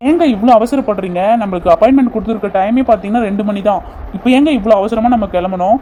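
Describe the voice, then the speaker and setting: ஒருவர் கார்ட்டூனில் கணவரிடம் கவலையோடு கெஞ்சும் பக்தியான இளம் மனைவிக்குக் குரல் கொடுக்கிறார். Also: male voice, sits high, fast talker, warm tone, dull audio, a little hiss or hum, natural voice. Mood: fretful. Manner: pleading, fretful. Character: worried devoted young wife Pushpa. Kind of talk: cartoon voice acting.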